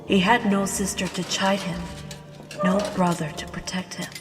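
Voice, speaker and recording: A woman hosts and narrates a scripted story in a dramatic storytelling style, her fairly low voice delivered flatly at a normal speed. Music plays behind her, and there's a long reverb.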